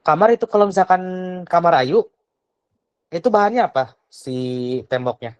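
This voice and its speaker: A woman's voice: fairly low pitch, expressive, moderate pace, no echo, highs cut off. Young woman, private tutor, patient, questioning, dry close mic. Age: young adult. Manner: patient, asks many questions, trails off with "gitu". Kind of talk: online tutoring lesson.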